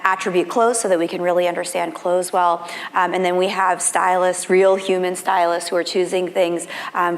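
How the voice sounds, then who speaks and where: A lowish female voice, nearly gone, comes out thin, reedy and squeaky with some rasp. She speaks informally as a panelist, with "like" sprinkled through, in a long-reverb hall. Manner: informal, frequent "like". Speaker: panelist, fashion company executive. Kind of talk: conversational panel talk.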